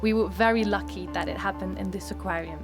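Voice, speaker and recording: A woman's voice: medium pitch, quick pace. A woman speaking as an expert in a documentary interview. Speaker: cave salamander expert. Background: prominent background music.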